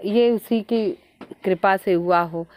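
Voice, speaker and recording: A woman voicing an elderly devout mother in a spoken folk tale who scolds and then gently forgives. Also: medium pitch, takes it slowly, lightly acted. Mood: gently forgiving.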